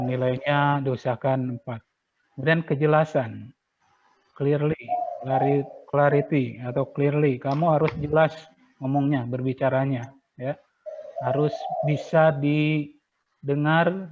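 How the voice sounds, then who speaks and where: A man's voice: mid-range voice, a little hiss or hum. A male teacher patiently explaining exam rules to students, with many fillers and repetitions. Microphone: video call. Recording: tinny phone-like online call audio.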